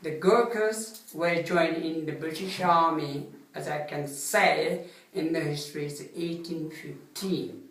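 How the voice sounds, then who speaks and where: An older man from Nepal with a Nepali accent, a retired soldier answering interview questions politely and haltingly, with many fillers. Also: fairly high pitch, a bit bright. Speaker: guest, retired Gurkha soldier. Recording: echoey room, mic some distance off.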